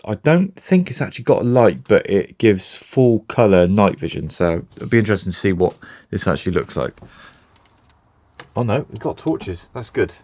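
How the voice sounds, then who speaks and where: On and around a canal boat, a man offers a relaxed camera review, musing aloud as he works through it. His voice is low with a darkish tone.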